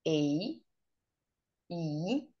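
This English teacher, a young adult woman with a Brazilian accent, talks extremely slowly in a low-pitched voice, the sound lo-fi from her close-up laptop on a video call. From a small plain room, she explains things informally and animatedly, with rhetorical questions and acted-out examples.

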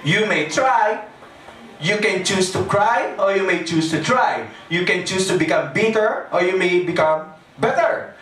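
A man with a Filipino accent giving a lively, joking motivational sales presentation, drawing call-and-response from the audience in a large hall. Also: sits high, unhurried. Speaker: business presenter. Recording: echoey hall, mic at a distance.

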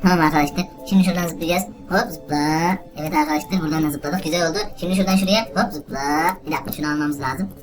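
Very fast excitable gaming host woman. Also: low-pitched, over music. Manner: excitable, exclaiming, talks straight to viewers. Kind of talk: let's play commentary.

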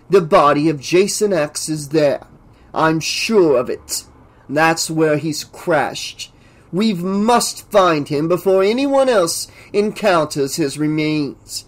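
In a drawn-out, grandiose audiobook delivery, a man plays a pompous, demanding male scientist obsessed with his own genius. His voice sits fairly high.

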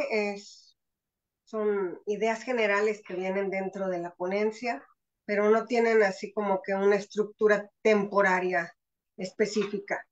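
A Mexican woman, a writer, giving a formal, measured presentation with a Mexican accent. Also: mid-range voice, lo-fi sound. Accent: Mexican Spanish. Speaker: guest speaker, writer.

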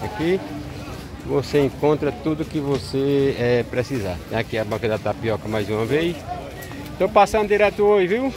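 A mid-range-voiced man with a Northeastern Brazilian accent vlogs a relaxed walking tour of a busy outdoor street market, warmly greeting and chatting with vendors in unhurried commentary. It's recorded on a handheld camera mic as he walks, with crowd chatter all around.

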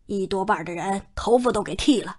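Woman voicing a stern young male Qing prince, cold, scornful, loud scolding, audiobook drama. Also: mid-range voice, brisk, slightly rough, natural voice. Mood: furious scolding. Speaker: audiobook narrator.

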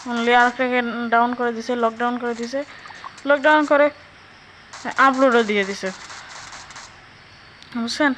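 A young woman with a Sylheti Bengali accent giving chatty, excitable commentary on a mobile game, talking straight to her viewers. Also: a little high, moderate pace, long pauses, slight background noise, low-quality recording. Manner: chatty, excitable, addresses viewers, frequent exclamations. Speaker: gaming YouTuber.

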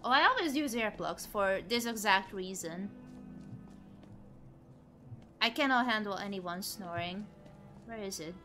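A woman live streamer giving casual, expressive gameplay commentary and chatting with viewers, exclaiming and swearing freely. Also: medium pitch, normal speed, soft background music.

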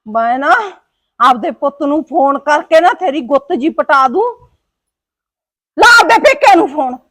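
A woman's voice: sits high, lively intonation, measured pace, fairly bright tone. A middle-aged woman playing a frightened mother-in-law in a family short film, wailing and complaining. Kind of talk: Punjabi short film acting.

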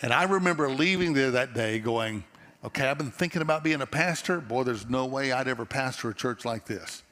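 A man's voice: mid-range voice, fairly quick, fairly bright tone. A middle-aged man with a Texan accent preaching a sermon on a church stage in an earnest, conversational storytelling manner, often restarting his phrases, through a headset mic. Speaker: pastor. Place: large church stage before a seated audience. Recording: long hall reverb from a church auditorium.

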